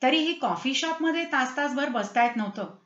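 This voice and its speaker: Higher-voiced woman storyteller reading aloud. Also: normal speed. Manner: lively, dramatic, switches into character voices. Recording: roomy, slightly dull recording.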